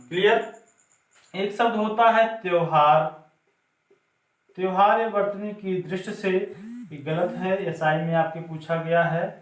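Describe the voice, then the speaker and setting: High-pitched male tutor drilling spelling, heard from off-mic in a roomy space. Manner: repetitive call-and-response quizzing. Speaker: Hindi spelling teacher. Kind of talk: classroom lesson. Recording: echoey room, mic at a distance.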